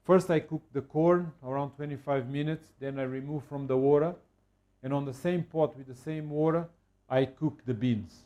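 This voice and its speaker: Relaxed man talking through a recipe. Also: fairly high pitch, highs cut off. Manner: relaxed, halting, with many fillers. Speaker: home cook. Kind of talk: casual cooking demonstration.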